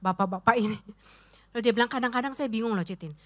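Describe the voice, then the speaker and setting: A woman's voice: fairly high pitch, fast talker. A woman pastor preaching a sermon, telling anecdotes and acting out the voices of the people in them. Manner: animated storytelling, acting out quoted voices; addresses the congregation as "saudara".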